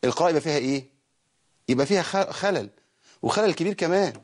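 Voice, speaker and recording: A man with an Egyptian Arabic accent teaching Quran recitation on a program. He poses rhetorical questions, then answers them himself, and slowly stretches out words to show how they should be recited. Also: a little high, animated. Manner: slowly draws out words to model correct recitation. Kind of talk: televised Quran recitation lesson.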